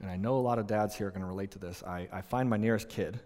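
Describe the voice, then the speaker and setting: A pastor telling stories in a conversational sermon, with many restarts and an animated delivery. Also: male voice, fairly low pitch, racing. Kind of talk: sermon with storytelling. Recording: long reverb in a large hall.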